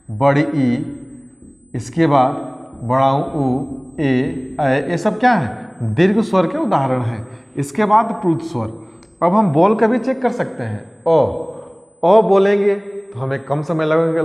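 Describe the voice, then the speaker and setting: Male teacher, exam-prep grammar lesson, repeats and quizzes pupils, fairly high voice, echoey room. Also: darkish tone. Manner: repeats key phrases, quizzes pupils, calls them "beta". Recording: echoey room with long reverb.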